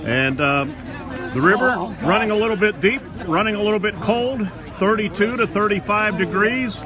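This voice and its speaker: A man interviewing and commentating live at an outdoor event in a halting, conversational way. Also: sits high. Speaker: radio reporter and interviewer. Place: outdoors by a river at a charity event. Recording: outdoor live stream with crowd noise.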